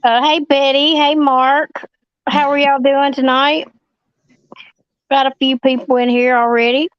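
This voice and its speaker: A woman's voice: sits high, flat delivery, measured pace, no room sound, muffled recording. Blunt drawling Southern woman. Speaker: host. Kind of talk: casual livestream chat.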